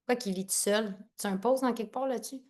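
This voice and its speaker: A woman with a lively Quebec French accent leads an online training session, talking fast and loosely and jumping between thoughts. Her voice sits a little high, and she laughs often. The sound comes through a laptop on a video call. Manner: excitable, rambling, laughs often. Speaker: network marketing team leader. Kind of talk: live online training talk.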